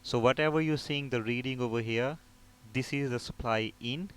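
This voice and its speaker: A repair technician instructor with a medium-pitched voice speaks at a moderate pace in an informal technical tutorial, moving step by step. Explanatory throughout, he tends to ask a question and then answer it himself. The background is clear.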